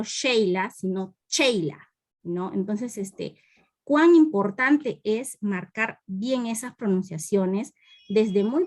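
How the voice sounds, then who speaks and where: A woman from the Peruvian Amazon asking her teacher a long, rambling question in an online class, with many fillers. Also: mid-range voice. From Peruvian Amazon, Iquitos.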